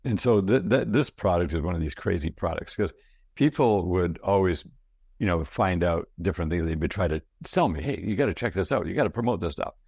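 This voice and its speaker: A man's voice: deep voice, expressive, a little fast, gravelly, darkish tone, breathy edge, dry recording, clean studio sound. A man in his sixties, a guest talking casually and enthusiastically in an interview, telling stories and often repeating words. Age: 60s. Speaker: guest, product founder.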